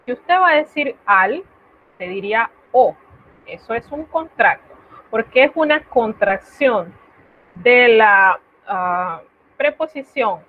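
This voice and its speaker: Tinny, phone-like lo-fi audio with a little background noise carries a woman's medium-pitched voice. She is giving a recorded online French lesson, breaking things down step by step with patience and pronouncing each example deliberately.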